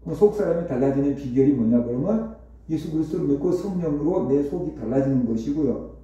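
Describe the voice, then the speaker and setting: Pastor guy preaching casual, asks the crowd questions a lot, very deep mellow tone, sounds far off and muffled. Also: fast. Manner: storytelling with frequent rhetorical questions; repetitive, animated retelling. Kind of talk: conversational sermon. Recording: echoey hall, distant dull mic.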